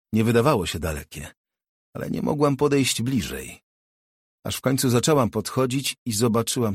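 A man reading the part of an anxious young woman in an audiobook, raising his voice a little with a soft, trembling manner. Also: lowish voice, husky, dry recording, studio quality. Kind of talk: audiobook character voice.

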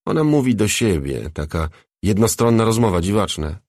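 A man's voice: lowish voice, expressive, moderate pace, darkish tone, no room sound, clean studio sound. A man voicing a fussy male household manager who answers evasively and gossips.

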